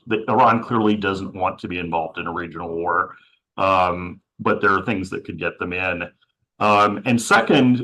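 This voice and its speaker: A man's voice: sits low, sharp tone, poor audio. A man moderating a policy panel who is losing his voice and asks long, rambling questions.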